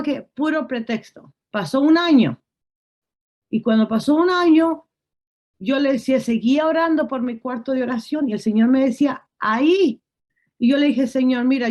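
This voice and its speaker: High-voiced woman preaching a testimony. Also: darkish tone, muffled recording. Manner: storytelling, acting out quotes, repetitive. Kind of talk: testimony sermon.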